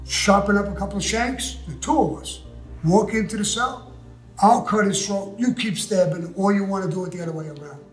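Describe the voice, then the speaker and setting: A man's voice: high voice, a little fast. An older man, telling his story bluntly and profanely in a recorded interview. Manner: blunt, profane, tough-talking. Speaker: interview guest. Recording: roomy echo with faint music.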